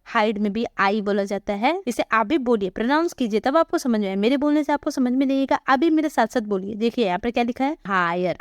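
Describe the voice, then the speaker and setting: A woman teaching an English pronunciation lesson, patiently repeating example words slowly and asking her viewers questions. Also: high-pitched, clear, resonant tone, dry recording, studio quality.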